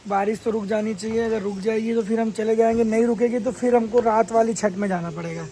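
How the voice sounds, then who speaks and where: A man's voice: high-pitched, fairly even intonation, brisk, poor audio. A young man, chatting casually to his vlog audience from his family home, repeating words in pairs as he talks. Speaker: vlogger. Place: family home on a rainy day. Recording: phone recording with loud background noise.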